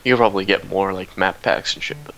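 A young man co-hosting a casual gameplay commentary, goofy and given to silly squeaky bits. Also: fairly even intonation, quick pace, creaky, fairly bright tone, poor audio. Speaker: gaming channel co-host.

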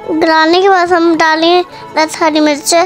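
A young-sounding woman hosts a cooking segment, talking through a recipe step by step in voice-over. Her voice is very high-pitched, with a level tone and a normal pace. Music plays behind her throughout.

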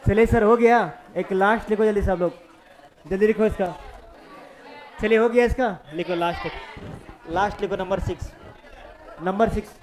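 A high-voiced man teaches physics to a classroom, mixing Hindi and English and speaking with a Jharkhand accent. He dictates notes and keeps prompting the students with quick questions. A faint murmur of students can be heard in the room behind him. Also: steady tone, a faint crowd. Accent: Hindi-English mixed, Jharkhand region. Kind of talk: classroom lecture.

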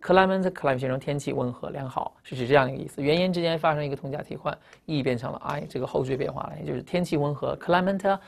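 A woman's voice: low voice, fast, vocal fry, hardly any pauses. A woman teaching English vocabulary, spelling out words letter by letter and often asking students whether they remember earlier words. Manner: ends phrases with the particle "啊". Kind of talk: recorded vocabulary lecture.

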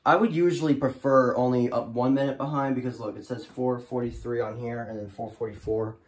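A young man, a teen or young adult student, talks at medium pitch in a steady, fairly quick voice. He gives a casual, off-the-cuff review of weather radio gear as a hobbyist, rambling and often trailing off. It was recorded on a handheld phone camera in a small room indoors.

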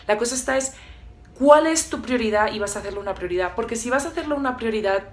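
A young woman vlogger and business coach giving blunt, tough-love motivational advice with animated asides. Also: mid-range voice. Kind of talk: direct motivational vlog talk.

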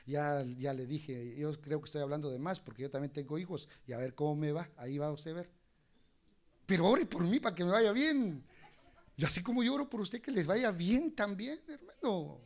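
A man preaching a sermon in church, animated, moving between soft asides and loud exclamations, sometimes speaking fast. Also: fairly high pitch. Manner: talks fast at times.

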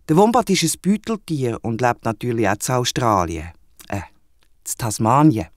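Verspielter schweizerdeutscher Erzähler. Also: male voice, mid-range voice, no room sound, studio quality. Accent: Swiss German. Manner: playful and chatty, with little asides. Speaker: narrator. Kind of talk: children's audio drama narration.

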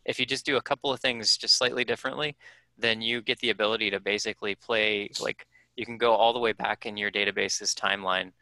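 A man casually explaining database practices to a presenter on a video call, relaxed and enthusiastic. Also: on the low side, fast talker, dry recording, rough recording. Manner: relaxed, enthusiastic, restarts often. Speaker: developer helping a presenter.

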